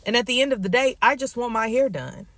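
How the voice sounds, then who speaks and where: A woman with a fairly high voice airs a complaint in casual social media style. She is annoyed and takes her time, stressing her points. The sound is very dry. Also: fairly bright tone, no room sound. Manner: deliberate, emphatic, annoyed. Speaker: salon client.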